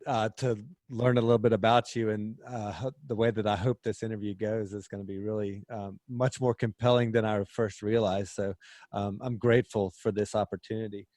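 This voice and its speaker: A man hosting a podcast, reading a scripted intro and then chatting with his guest, measured at first and then hesitant with fillers. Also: mid-range voice, fairly even intonation, darkish tone, dry recording, clean studio sound. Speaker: podcast host. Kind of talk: scripted intro narration and casual interview.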